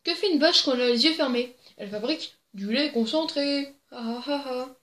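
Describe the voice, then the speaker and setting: High-pitched, brisk and fairly bright, this young woman reads jokes to camera as a joke-telling video host. She's casual and giggly, rambling with crude asides, captured on a plugged-in desk microphone in an echoey room.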